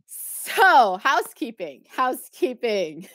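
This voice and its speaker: A woman's voice: a little high, sing-song, slow pace, a bit bright, a little hiss or hum. Sassy chatty woman, laughing a lot. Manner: sassy, laughs often, lots of ums. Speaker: YouTube live streamer. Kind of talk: casual chatty livestream.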